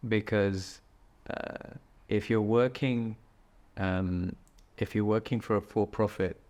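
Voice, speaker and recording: A man speaking as a podcast guest, relaxed and joking, thinking aloud and often checking in with "right?". He talks in person with the host in an indoor room. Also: on the low side, slow pace. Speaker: podcast guest, product executive. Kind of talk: casual conversational interview.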